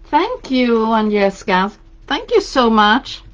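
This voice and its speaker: A Swedish woman, a native speaker from Sweden with a Swedish accent, demonstrates crafts live at an indoor craft table, chatting encouragingly as she paints. Her voice is fairly high and a little bright, with big pitch swings and a slow pace. The recording sounds lo-fi.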